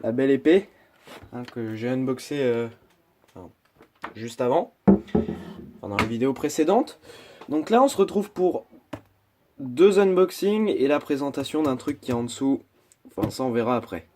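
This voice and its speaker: Chatty man with a mellow voice. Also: mid-range voice, animated, normal speed, long pauses, slight background noise. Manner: chatty, hesitant, full of restarts and asides. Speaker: YouTuber. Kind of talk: casual unboxing chat.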